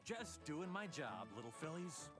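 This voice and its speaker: A man's voice: on the high side, very animated, measured pace, over loud music. A brash party pony showman. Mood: cocky cheerful. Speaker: cartoon character. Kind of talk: cartoon voice acting.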